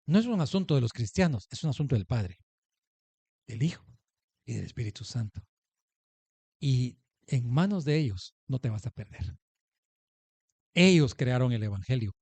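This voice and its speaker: A man's voice: mid-range voice, sing-song, moderate pace, creaky, long pauses, mellow, husky, dry recording. A man preaching a sermon as pastor, emphatic, asking the congregation questions and answering them. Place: church in the United States.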